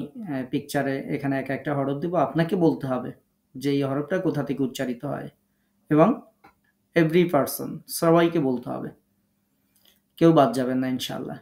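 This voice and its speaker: A man's voice: fairly high pitch, darkish tone, roomy sound. A man teaching an online class on how letters are pronounced, explaining patiently and step by step. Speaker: Quran recitation teacher.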